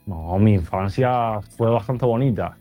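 A man, giving earnest, halting interview answers full of restarts. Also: fairly low pitch, mellow, soft background music. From Cuba. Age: 30s. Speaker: guest.

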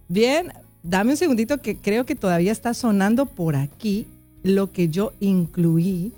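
A woman hosting a live online interview, talking in a warm, chatty way and often repeating herself. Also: medium pitch, expressive, measured pace, soft background music. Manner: warm, chatty, repeats herself while fixing tech trouble. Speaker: host.

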